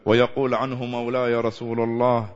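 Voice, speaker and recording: A man's voice: medium pitch, completely flat delivery, brisk. Man, Iraqi accent, passionate sermon, rises and drops, chanted bits, dull lo-fi recording. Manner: impassioned, swinging from loud to hushed, sometimes chanting. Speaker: preacher. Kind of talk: Shia mourning sermon.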